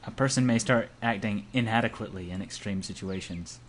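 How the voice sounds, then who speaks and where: In a noisy amateur home recording, a man in a voice-over group reads visual novel narration and chats casually between passages. His voice is lowish and a little fast, and he stumbles over words while reading.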